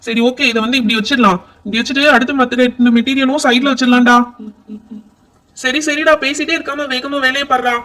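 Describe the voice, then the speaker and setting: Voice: sits high, fairly even intonation, a little fast, pushed and bright. A performer voicing a bossy young boy doll who orders his friends around in a doll pretend-play show. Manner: bossy, ordering others about.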